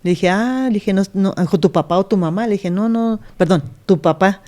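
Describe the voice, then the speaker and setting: A woman's voice: mid-range voice, moderate pace, mellow. A middle-aged woman, a pastor, telling her life story in an earnest interview and acting out the voices of the people in it. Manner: earnest, retells scenes by acting out quoted speech. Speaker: pastor, guest.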